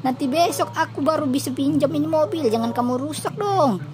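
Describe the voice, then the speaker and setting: Woman putting on a high piping little boy, worried and naggy, game music behind. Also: fairly quick, lightly acted. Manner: warns and nags, high piping. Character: cautious little boy, fretful and scolding.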